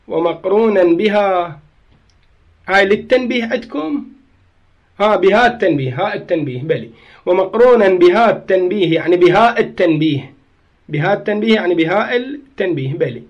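Man, Iraqi Arabic accent, grammar teacher, repeats himself, quizzes students, high voice, dull lo-fi recording. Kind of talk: classroom lecture reading a text and explaining it.

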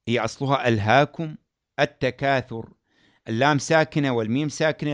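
Clear-voiced man teaching grammar. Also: medium pitch. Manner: asks the class questions, then answers them himself; draws out example words slowly and distinctly. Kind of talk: classroom grammar lesson.

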